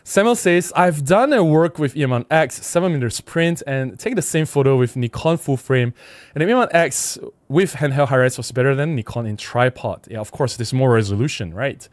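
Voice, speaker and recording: The recording is dry, and his mid-range voice is animated at a normal speed. A middle-aged man with a Malaysian accent hosts a casual livestream from a desk in a small indoor room, using a close desk microphone with a windscreen as he reads out comments and responds emphatically in a conversational way.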